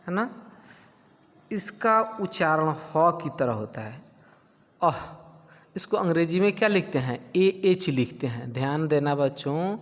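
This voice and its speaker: A male teacher giving a grammar lesson to children, patiently asking questions and answering them himself. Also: on the high side. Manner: slow, patient explaining. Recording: long hall reverb.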